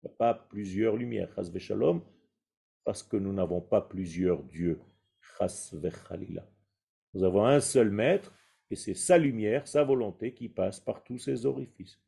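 A man teaches a Kabbalah lesson in a very dark, mellow voice with a husky edge. He speaks slowly and deliberately, posing rhetorical questions and weaving in Hebrew terms as he explains. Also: lowish voice. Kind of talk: spoken religious lesson.

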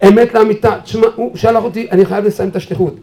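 A man speaking at a memorial gathering, telling a personal story in an animated way and acting out quotes with sudden shouts, then urging his listeners on fervently. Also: sits high. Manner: animated, acts out quotes with sudden shouts, many fillers and restarts. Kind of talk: personal storytelling eulogy, turning into fervent exhortation.

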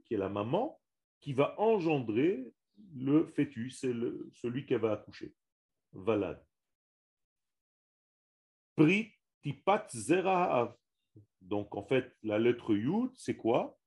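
Man, religious teacher, Hebrew language lesson, very slow delivery, mellow dark voice, emphatic, repeats his words. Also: medium pitch. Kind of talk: religious lesson to a small audience.

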